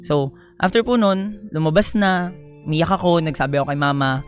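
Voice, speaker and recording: A young man speaking as a radio guest, his voice sitting a little higher than most men's. He talks softly and politely, mixing English phrases into his story. Faint music runs underneath. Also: moderate pace. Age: young adult. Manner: soft-spoken, polite, mixes English into his speech. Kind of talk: personal storytelling interview.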